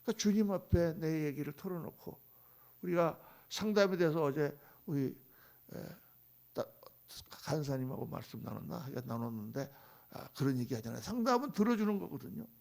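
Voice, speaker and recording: A pastor preaches in a voice set a little high for a man, with a gravelly fry running through it. He moves between loud, emphatic lines and soft, hushed ones, and he acts out the people he quotes as if in everyday conversation. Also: animated, brisk. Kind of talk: sermon. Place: church sanctuary.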